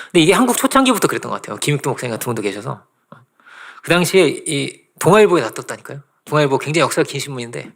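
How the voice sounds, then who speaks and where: A man preaching a sermon as a pastor in a church, telling stories in a lively way and acting out quotes, with laughs in between. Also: medium pitch, creaky. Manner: animated storytelling with laughs and acted-out quotes. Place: church sanctuary.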